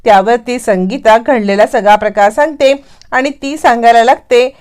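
A woman's voice: on the high side, a little mellow. A woman narrating a recap of a TV serial episode, linking each line with "then she says". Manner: rapid storytelling with repeated "then she says" links.

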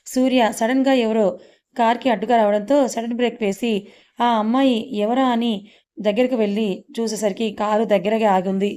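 A woman narrating an audio love story at a fast pace. Her delivery is even and flat, with little rise and fall, in a plain storytelling manner. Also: medium pitch.

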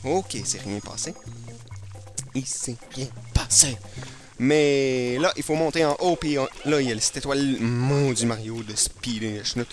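A man's voice: mid-range voice, normal speed, hardly any pauses. A man with a Québécois accent commenting on a video game in a let's play, hyper and rambling nonstop, his throat a little irritated. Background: video game music.

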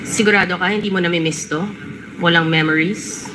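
A woman's voice: on the low side, steady tone, fairly quick, noisy background. Pressing woman interrogating at a hearing. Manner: pointed, pressing questions. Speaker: lawmaker questioning a witness. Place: hearing room.

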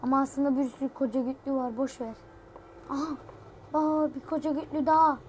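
A woman giving excitable gameplay commentary, swearing playfully and shouting sudden exclamations. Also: sits high, a little fast, a little hiss or hum. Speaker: gamer.

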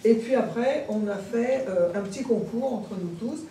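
A woman's voice: a little high, moderate pace, mellow, slight background noise. A woman reporting to a town council meeting as a twinning committee member, speaking hesitantly with many fillers. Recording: echoey room heard from a distance.

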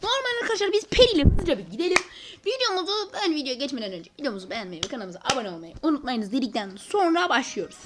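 A woman hosting a gameplay video with a high voice that leaps up and down constantly. She talks in slangy commentary and keeps bursting into loud exclamations. Faint game music plays underneath. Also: very animated, rapid-fire. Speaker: gameplay channel host.

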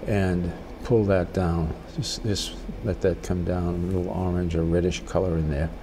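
Gentle, low-voiced older man teaching painting. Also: level tone, background noise. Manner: gentle, encouraging, unhurried instruction. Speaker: watercolor painting instructor. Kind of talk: casual spoken painting tutorial.

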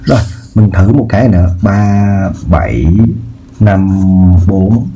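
A man's voice: low voice, lively intonation, slow, creaky, dark tone, husky. A man teaching a math lesson in a casual way, often repeating words and checking in with his viewers. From southern Vietnam. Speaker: math tutor. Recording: faint background noise.

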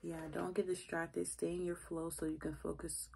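A woman's voice: lowish voice, level tone, normal speed, gravelly, noisy background. A woman giving a casual tarot reading to her viewers, blunt and full of cursing, her voice sounding off from its usual self, recorded on a phone. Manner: blunt, cursing, repeats "all right?". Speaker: tarot reader.

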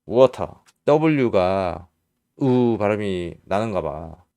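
Slow, low-voiced Korean man teaching. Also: expressive, a little mellow, dry recording. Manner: slow, repeats letters and sounds patiently. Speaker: English teacher. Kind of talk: casual spelling lesson.

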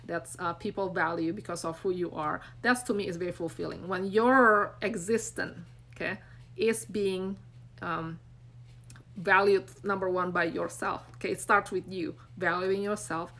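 A fairly low, slightly bright voice belongs to an Indonesian-accented woman in her forties coaching on brand topics. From a small room, with her phone camera held at arm's length, she talks off the cuff to live-stream viewers, rambling, earnest and encouraging, leaning heavily on fillers.

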